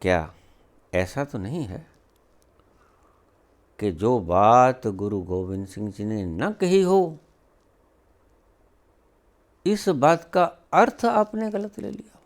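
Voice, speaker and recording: A man giving a spiritual discourse, asking rhetorical questions and scolding in an emphatic, deliberate way. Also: mid-range voice, lively intonation. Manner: slow with long pauses. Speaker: spiritual teacher.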